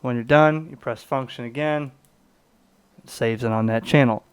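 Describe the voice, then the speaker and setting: A product presenter with a mid-range voice talks at a normal pace on a clean recording. In his casual gadget demo he explains conversationally, asks himself questions, and often checks the listener is following with "okay?"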